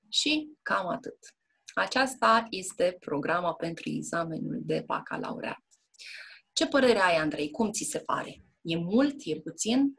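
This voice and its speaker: A woman teaching Romanian language and literature has a lowish, creaky, slightly rough voice with a fairly bright tone. Working one-on-one on exam prep in an indoor classroom or tutoring room, she explains patiently, checks in with her student often, and fills gaps hesitantly.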